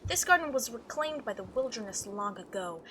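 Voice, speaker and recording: A woman hosts a let's play, chatting and reacting out loud while reading a visual novel's text. Her voice is fairly high with lively intonation and a moderate pace, and there's noise in the background.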